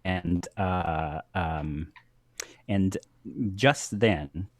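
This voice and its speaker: Slow, halting game master, a man. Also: low voice. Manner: halting, many ums and restarts, laughs often. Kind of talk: narrating a tabletop game.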